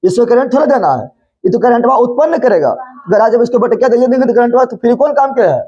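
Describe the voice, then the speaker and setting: A man's voice: very high voice, lively intonation, fast, dark tone, slightly rough. A male physics teacher, lecturing a class, repeating every question back to the students and scolding them playfully. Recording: dull lo-fi classroom recording.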